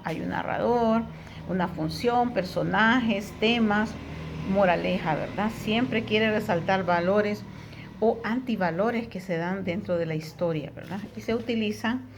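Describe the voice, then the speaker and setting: A woman's voice: medium pitch, slight background noise. A woman teaching a lesson, explaining patiently, with frequent tag questions and fillers. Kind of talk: recorded Spanish tutoring lesson.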